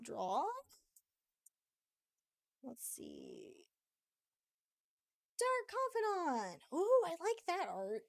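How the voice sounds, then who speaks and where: A woman streaming a card game, chatting casually, reading viewer comments aloud, thinking out loud and laughing often. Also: on the high side, gravelly. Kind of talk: casual live-stream chat while playing a card game.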